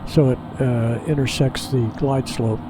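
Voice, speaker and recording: A male pilot speaking into his cockpit headset, giving a relaxed, folksy running commentary while he flies. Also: mid-range voice, measured pace. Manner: relaxed, folksy, thinking aloud. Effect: pilot cockpit headset sound. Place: aircraft cockpit in flight. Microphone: pilot's cockpit headset mic. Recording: headset mic over steady cockpit engine noise.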